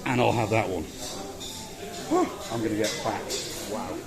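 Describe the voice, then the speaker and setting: A man's voice: lowish voice, steady tone, fairly quick, over a noisy crowd. Older man, vlogger, walking tour of a hotel, enthusiastic, repeats praise words, handheld camera. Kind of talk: casual walk-around commentary. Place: outdoors and indoors in a hotel, walking.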